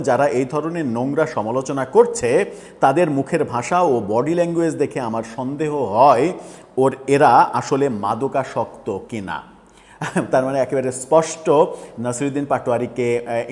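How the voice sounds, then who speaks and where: A man giving solo political commentary, pausing often with filler sounds as he works through his points. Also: medium pitch, a little mellow, long reverb tail. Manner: hesitant, many filler sounds.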